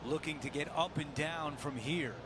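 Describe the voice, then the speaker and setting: Male golf commentator, live play-by-play, voice a touch high, very noisy outdoor backdrop. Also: normal speed. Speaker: golf commentator, lead announcer. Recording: noisy outdoor crowd recording. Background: loud crowd and outdoor ambience.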